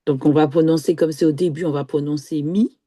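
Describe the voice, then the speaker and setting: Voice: medium pitch, steady tone, fairly quick, dark tone, dry recording, clean studio sound. A student in a one-on-one reading lesson, hesitantly sounding out syllables and checking they have understood.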